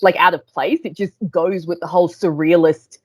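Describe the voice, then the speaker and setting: A woman co-hosting a casual film review, retelling scenes with lively quoted asides. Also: on the low side, no echo. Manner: animated, quick retelling with acted-out quotes.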